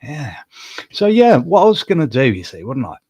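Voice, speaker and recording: A man's voice: medium pitch, wildly swooping pitch, quick pace, husky, no room sound. A man from England, hosting a casual solo livestream from home and rambling with fillers and restarts. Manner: rambling, self-talking, with many fillers and restarts; coos softly at his cat. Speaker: livestream host. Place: home room.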